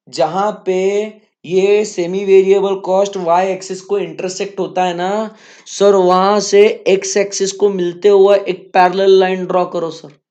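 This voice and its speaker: A man's voice: high voice, a little mellow. A man doing a whiny male student pleading with sir. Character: cheeky young male student pestering teacher.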